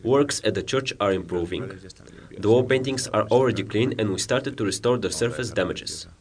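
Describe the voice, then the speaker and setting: A man reading a personal letter aloud as a steady voice-over. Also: on the low side, moderate pace. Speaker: voice-over reader.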